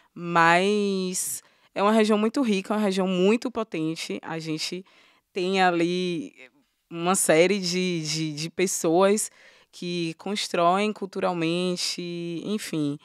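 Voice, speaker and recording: A woman's voice: lowish voice, slow pace, no echo, studio quality. Woman hosting a podcast. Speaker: podcast host. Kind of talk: casual podcast conversation.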